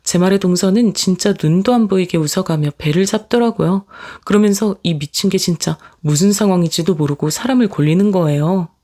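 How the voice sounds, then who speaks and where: A woman narrating a dramatized family story in the first person, talking in a sharp, cutting, sarcastic way. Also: fairly low pitch, a little fast, few pauses.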